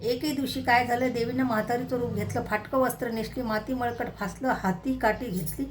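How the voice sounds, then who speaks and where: A middle-aged woman narrating a devotional tale in a steady, measured reading voice. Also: on the high side, a little hiss or hum. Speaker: storyteller.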